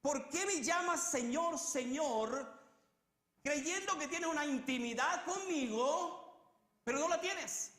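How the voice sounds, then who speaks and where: A preacher acting out Jesus, pleading in a high, strained voice that rises and stretches each word. The voice rings out in an echoey room. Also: male voice, lively intonation, bright, forceful tone, full character voice. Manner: urgent, rising, drawn-out pleading. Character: impassioned Jesus pleading with a follower.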